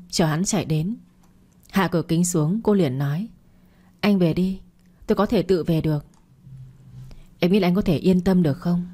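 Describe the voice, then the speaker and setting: A woman's voice: fairly low pitch, mellow. A woman reading a romance story aloud, narrating and voicing every character's lines in her own voice.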